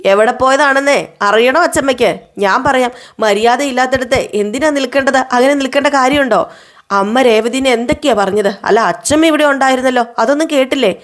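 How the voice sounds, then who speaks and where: A woman's voice: high voice, brisk, close to an everyday voice. A woman voicing an angry protective husband. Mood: confrontational. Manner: demanding, indignant questioning. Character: young husband, protective and quick to anger.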